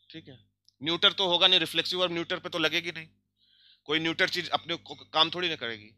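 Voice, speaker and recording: A young man teaches a grammar lesson in a very bright, slightly high voice. He goes step by step, checks in with his listeners often, and says the example words slowly and carefully. The sound is dry and close. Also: dry recording. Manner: explains step by step, often checks with "theek hai". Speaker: language teacher.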